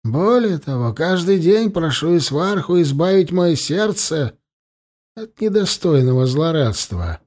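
A man's voice: fairly high pitch, sing-song, a little slow, a little mellow. A man reading an audiobook, voicing a cold, smug middle-aged priest who talks down to his prisoner. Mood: cold mocking. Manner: cold, mocking and condescending.

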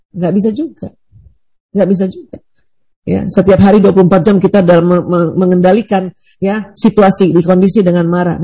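A woman preacher giving a lively, teasing religious seminar talk on marriage, laughing often. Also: medium pitch, breathy edge. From Bugis heritage, Indonesia. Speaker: Islamic preacher.

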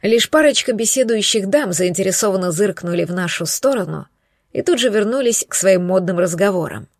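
A woman's voice: mid-range voice, lively intonation, a little fast, no echo, studio quality. A woman narrating a first-person romance novel in an intimate, emotional way. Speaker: audiobook narrator.

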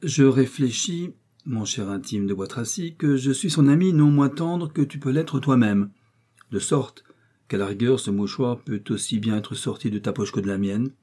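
A man's voice: medium pitch, moderate pace, mellow, husky, pitched above the performer's own voice, natural voice. A man reading an audiobook, voicing a young male musketeer who speaks coldly and with precise irony. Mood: coolly mocking. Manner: cool, mocking, precise.

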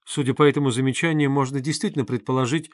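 A man's voice: mid-range voice, fairly even intonation, racing, dry recording, clean studio sound, natural voice. A man voicing a proud, fiery young woman who speaks curtly and sharply in an audiobook reading. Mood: irritated. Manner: curt, sharp.

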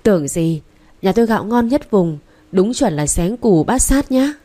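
A woman's voice: medium pitch, lively intonation, normal speed, mellow, lightly acted. A woman reading aloud voices an eager older female rice seller who boasts about her goods.

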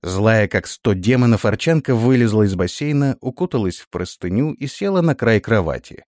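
A man's voice: lowish voice, expressive, moderate pace, darkish tone, no room sound, studio quality. A man reading a fantasy audiobook aloud, narrating expressively and voicing every character.

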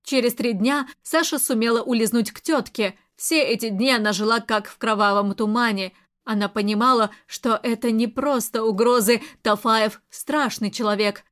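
Female audiobook narrator, fairly high voice, steady dramatic reading. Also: moderate pace. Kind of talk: scripted narration.

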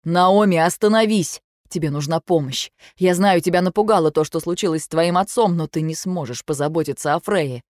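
A woman voicing a worried young husband who speaks softly, low and insistently. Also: brisk, few pauses, dry recording, studio quality, natural voice. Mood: firm. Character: worried young husband, gentle but firm.

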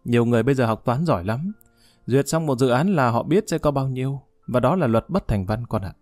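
A blunt, commanding older official, read by a man. The voice is dark and mellow and recorded dry, with faint music behind. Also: medium pitch, lively intonation, brisk, no room sound, lightly acted. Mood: weary. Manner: blunt, commanding, uses familiar address. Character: stern older official, gruff and worldly.

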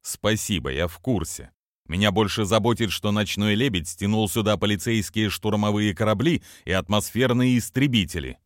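A male reader voicing a blunt, wry undercover agent who speaks patiently with gruff asides. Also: on the low side, normal speed, dry recording, clean studio sound, close to an everyday voice. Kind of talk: audiobook character voicing.

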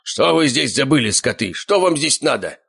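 Мужчина изображает грубого вспыльчивого отца семейства. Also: male voice, fairly low pitch, animated, fairly quick, a bit bright, pitched above the performer's own voice. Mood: angry, gruff. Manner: barking, rough, threatening. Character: gruff hot-tempered older father, head of family.

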